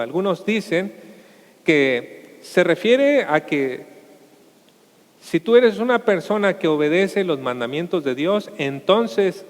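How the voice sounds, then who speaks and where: A pastor with a somewhat high voice preaches a Sunday sermon, calling his congregation brothers and posing rhetorical questions to them. His voice rings out in a church hall with a long, lingering reverb. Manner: addresses listeners as brothers. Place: church sanctuary.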